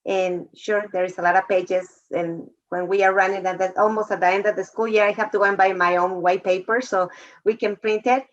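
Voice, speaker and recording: A woman from Mexico who teaches fourth grade joins a video call discussion, her mid-range voice fairly even in intonation. She sounds warm and emotional, speaking haltingly, and the call audio is dull and lo-fi.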